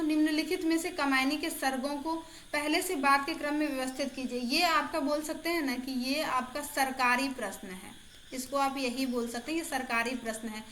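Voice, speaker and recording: High-voiced chatty woman tutor. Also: a bit bright, reverberant, slight background noise. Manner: chatty, encouraging, repeats answers aloud. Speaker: exam-prep tutor. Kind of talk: casual online lesson.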